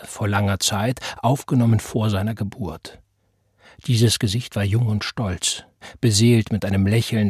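A man narrating a literary audiobook in a measured, grave way, with a husky voice. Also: fairly low pitch, darkish tone, no echo, clean studio sound.

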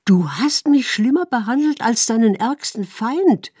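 A woman's voice: fairly high pitch, lively intonation, a little slow, darkish tone, husky, dry recording, clean studio sound, pitched above the performer's own voice. A woman voicing a deceived young wife who heaps accusing, pleading questions on her husband. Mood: reproachful.

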